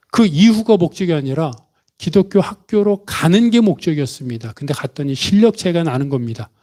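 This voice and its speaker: A man preaching a sermon, retelling a story with dramatic pauses and sudden emotional rises. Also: a little high, dark tone. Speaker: pastor.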